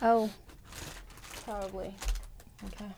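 A woman's voice: mid-range voice, flat delivery, takes it slowly, dark tone, slight background noise. A woman hosting a podcast in casual chat, talking with hesitant fillers. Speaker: podcast host.

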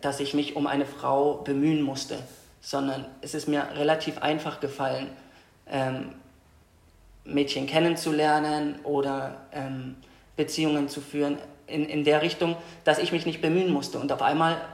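A young man from Austria speaks as an interview guest. His voice sits a bit high and stays flat, almost monotone, as he thinks aloud with frequent hesitations. The sound is roomy and echoey. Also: normal speed, vocal fry. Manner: hesitant, reflective, many fillers and restarts. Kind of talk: personal storytelling in a podcast interview. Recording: echoey room.

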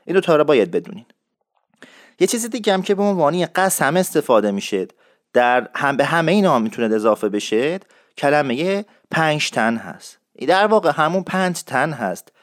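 Man, teacher explaining dialect, very expressive pitch, dry close sound. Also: dry recording. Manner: lively explainer, repeats words slowly for learners. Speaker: language teacher.

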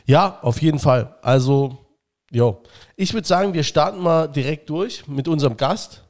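A man's voice: a little high, moderate pace, a little mellow. A man hosting a casual fan podcast over a virtual call, chatting loosely with many fillers and restarts. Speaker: podcast host. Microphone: remote call setup.

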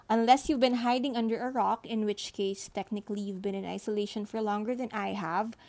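A woman hosting a podcast, reading a scripted intro in a soft, conversational way while recording muffled under a blanket at home. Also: medium pitch. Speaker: podcast host.

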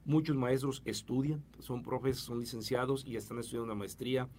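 A middle-aged man with a Mexican Spanish accent speaks quickly in an interview, his sentences full of fillers and restarts. His voice sits at an ordinary pitch for a man. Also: steady tone, a little mellow, slight background noise. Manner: fast, hesitant with many fillers. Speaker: education official. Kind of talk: interview answers.

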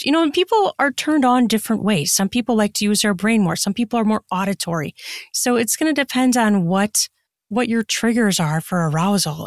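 An erotic fiction author and podcaster chats casually as a guest on a podcast, explaining things in a rambling, conversational way. Her mid-range voice is captured cleanly in a studio with no room sound.

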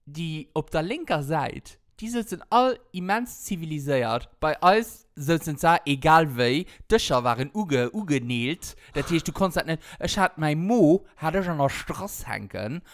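A man co-hosting a casual podcast, telling a story with lively acted-out quotes. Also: a little high, unhurried, smooth. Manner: animated storytelling, acts out quotes and sings snippets. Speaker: podcast co-host.

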